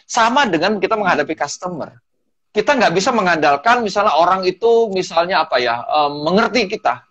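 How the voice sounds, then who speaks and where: A man talking as a guest public speaking trainer, telling stories in a lively way and mixing in English phrases. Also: sits high, brisk. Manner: animated storyteller, mixes in English phrases. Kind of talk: casual talk-show chat.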